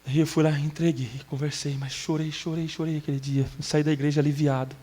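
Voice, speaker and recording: Middle-aged guy telling his church testimony, earnest and emotional, slightly high voice, echoey hall. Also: level tone, fairly quick. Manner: earnest, storytelling, breaks into tears and shouts when moved. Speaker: church member giving testimony.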